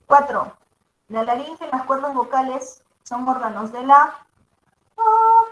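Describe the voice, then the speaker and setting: A woman's voice: high-pitched, fairly even intonation, measured pace, fairly bright tone, muffled recording. A woman teacher with a mezzo-soprano voice gives a classroom lecture, checking in with her students after each point. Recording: echoey room.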